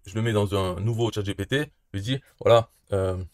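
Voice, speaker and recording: Man, low-pitched, dry close mic, casual tutorial presenter, halting delivery with lots of fillers. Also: a little mellow, dry recording. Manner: hesitant, many "euh" fillers and restarts. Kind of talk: casual screen-recorded tutorial.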